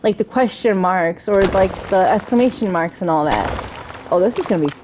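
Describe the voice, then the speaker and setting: A woman hosts a gaming video, chatting casually and thinking aloud while she plays and reads quest dialogue out loud. Her voice is medium-pitched and expressive at a normal pace, with background noise and video game music behind her.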